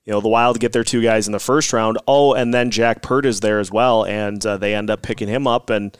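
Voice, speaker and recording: Male podcast host; smooth clear voice, dry close mic, easygoing interviewer. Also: fairly low pitch, steady tone, fairly quick, dry recording.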